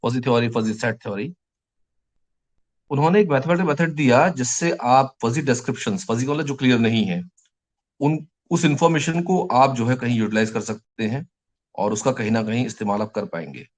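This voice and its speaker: An Indian English-accented male teacher lectures in a mid-range voice, slowly dictating English phrases word by word between his explanations.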